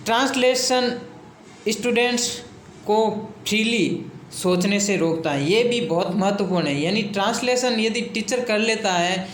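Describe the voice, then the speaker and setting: A man's voice: high-pitched, a little slow, a bit bright, slight background noise. A man teaching an exam-prep lesson, explaining by repeating points and glossing English terms in Hindi. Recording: echoey room, faint ambience.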